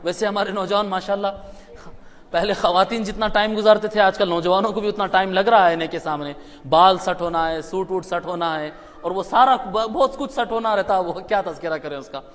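A man preaching a Friday sermon in a mosque, emphatic, building to loud rhetorical peaks before dropping low. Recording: long hall reverb.

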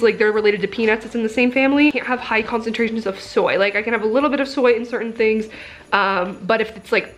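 A woman vlogger chatting casually and upbeat in her mom's craft room, full of "like" fillers and laughs. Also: on the high side. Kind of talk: casual vlog chat with a sponsored product segment.

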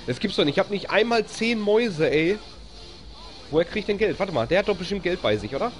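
A live-stream gamer with a German accent giving excitable let's-play commentary, cheering and laughing often and grumbling when the game gets stuck. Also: medium pitch, fast talker, faint music behind.

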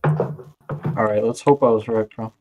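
A young man hosting a casual gaming voice chat, talking excitably in long rambling runs and swearing freely. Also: fairly low pitch, a little slow, over music. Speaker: streamer and host.

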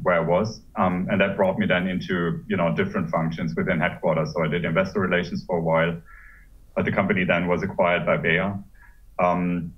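A man in his forties from Germany, speaking in a measured, thoughtful way with many pauses as a guest on a video-call interview. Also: deep voice. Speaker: pharma executive guest. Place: home room with high ceiling. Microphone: laptop webcam mic on a video call. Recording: muffled, distant video-call audio.

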